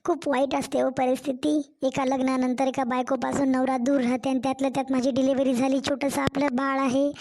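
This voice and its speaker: Cartoon: woman as a pleading young wife and mother, Marathwada Marathi accent, high and level voice. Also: flat delivery, fairly quick, hardly any pauses, a little mellow. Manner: complaining, tearful pleading. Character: young mother, distressed, pleading daughter-in-law. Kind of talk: cartoon story voice acting.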